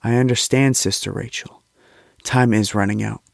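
A man's voice: fairly low pitch, fairly even intonation, normal speed, vocal fry, no room sound, studio quality. A man playing an earnest, haunted visionary in an audio drama, speaking with solemn intensity and formal diction. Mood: haunted, urgent. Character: earnest, haunted young male visionary, convinced of destiny.

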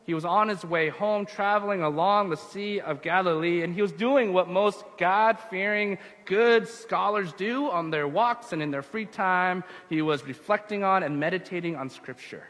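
A man's voice: high-pitched, moderate pace, few pauses, a bit bright. A man preaching a sermon as pastor in a church, earnest and repetitive, with fillers and rhetorical questions. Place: church sanctuary. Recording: long church reverb.

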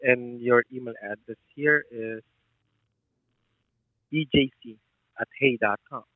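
This customer service agent, a man with a medium-pitched voice, keeps his tone steady and takes his time, with no room sound around him. Polite and deferential, he often says sir, and the call comes through a thin, narrow phone line.

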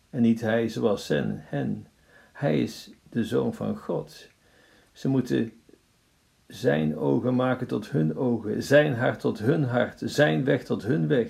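A man preaching a sermon. He tells a story in a measured way and addresses his listeners formally. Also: mid-range voice, creaky, mellow.

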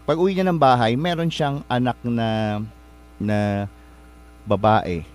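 A male host tells a motivational story at a middle pitch. He speaks politely to his listeners, rambling a little and stopping to find words or fix what he just said. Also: takes it slowly, a little mellow. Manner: polite, addresses listeners with respectful particles; rambling, searches for words and corrects himself.

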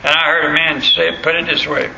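A man's voice: fairly high pitch, level tone, brisk, creaky, pushed and bright. An older man with a rural Southern US accent and an old country voice, preaching a sermon in a plain-spoken, folksy way and repeating phrases for emphasis. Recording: echoey room, faint background noise.

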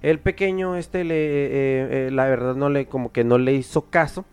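Mexican guy telling a story on a podcast, lots of ums and restarts, clean smooth voice. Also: fairly high pitch, darkish tone. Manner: halting, many filler words and restarts. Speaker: podcast host. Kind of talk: casual storytelling chat.

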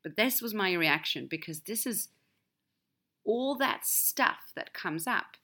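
A podcast host whose first language is Swedish tells a personal story in a candid, reflective solo monologue, her emphasis swinging widely. Her medium-pitched voice is expressive and sharp in tone, and she takes it slowly.

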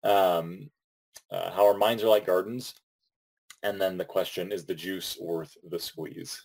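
A man's voice: deep voice, fairly even intonation, a little slow, vocal fry, a little mellow, poor audio. A man co-hosting a casual podcast, talking with many ums, restarts and small laughs. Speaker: podcast co-host.

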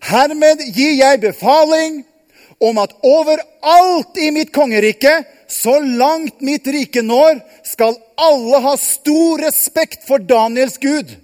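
A man playing an overjoyed ancient king who loudly proclaims a royal decree, in a children's Bible story. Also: very high voice, pitched above the performer's own voice. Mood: proclaiming. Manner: loud, stately proclaiming. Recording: long hall reverb.

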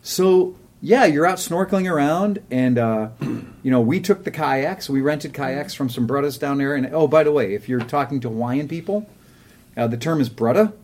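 A man's voice: mid-range voice, normal speed, darkish tone. A man co-hosting a casual podcast, telling a profane travel story and laughing often. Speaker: podcast co-host. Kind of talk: casual chat.

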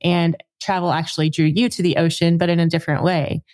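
A woman co-hosting a podcast, reading the intro and asking friendly questions in a measured way. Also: on the low side, level tone, a little mellow, dry recording. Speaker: podcast co-host.

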